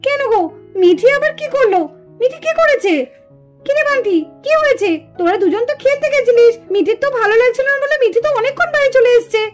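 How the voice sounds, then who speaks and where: Brief: woman voicing a calm puppet-show mother, soothing, very high voice. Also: quick pace, faint music behind. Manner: soothing, puzzled questioning. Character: busy, patient young mother, calm.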